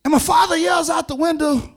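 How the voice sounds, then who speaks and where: A man's voice: extremely high pitch, steady tone, brisk. A man preaching a sermon with a rhythmic cadence and repeated call-outs to the congregation.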